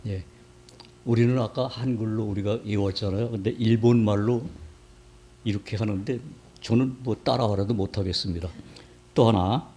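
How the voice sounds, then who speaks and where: A man's voice: fairly low pitch, fairly even intonation, moderate pace, mellow, slight background noise. A man, a church elder, preaching a sermon in a conversational way and putting questions to the congregation. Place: church sanctuary.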